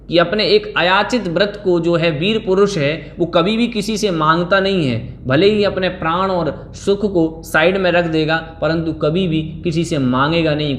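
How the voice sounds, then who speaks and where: High-voiced man teaching verses. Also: a bit bright. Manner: slow syllable-by-syllable recitation of verses. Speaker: Sanskrit scripture teacher. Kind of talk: online class lesson.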